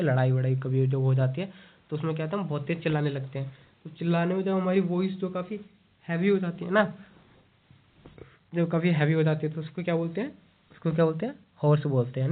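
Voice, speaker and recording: A man teaching exam vocabulary in a fairly high voice, going over each word patiently. He reads the English example sentences slowly and keeps repeating a checking phrase. The sound is thin and tinny, like a phone line. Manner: repeats "ठीक है" and "उसको क्या बोलते हैं?" often.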